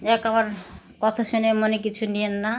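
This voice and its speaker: A woman's voice: a little high, monotone, a little fast. A woman with a Rajshahi Bengali accent vlogging at home, telling viewers about a quarrel and repeatedly asking them whether she was wrong. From Bangladesh. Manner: aggrieved, repetitive, asks viewers to judge. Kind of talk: casual home vlog, talking to viewers.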